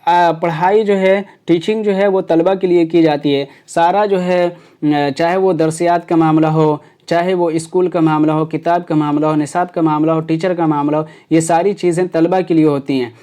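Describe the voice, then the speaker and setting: Male teacher, warm relaxed tone, hesitant step-by-step exam explainer. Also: fairly high pitch, clear, resonant tone. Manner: explains step by step with many fillers. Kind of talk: exam prep lecture.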